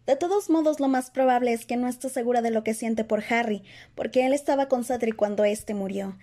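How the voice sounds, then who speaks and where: A woman's voice: a little high, a little fast, warm tone, voice pushed up, lightly acted. A woman voicing a clever, bossy teenage schoolgirl in a dramatized audiobook reading, earnest and patiently explaining.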